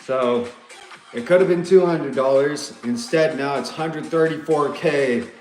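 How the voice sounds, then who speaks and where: A man's voice: a little high, a little slow, darkish tone, echoey room, soft background music. A man delivering a rambling, profane rant to the camera, agitated and repeating himself.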